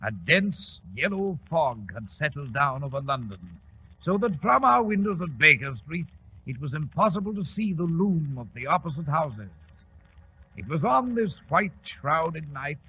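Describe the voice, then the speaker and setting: Doctor Watson, animated old British storyteller. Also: male voice, a little high, slightly rough, heavily acted. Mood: relishing, atmospheric. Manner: measured, relishing, theatrical storytelling. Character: genial older British doctor, avuncular storyteller recalling adventures. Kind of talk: 1940s radio drama narration. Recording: muffled, noisy 1940s radio recording.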